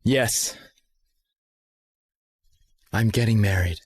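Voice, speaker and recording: Casting: a young man, deep and firm, coolly resolute, short-drama dub, close dry recording. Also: extremely slow, no echo. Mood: calm resolve. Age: young adult. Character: cool, resolute young man spurning old childhood friends.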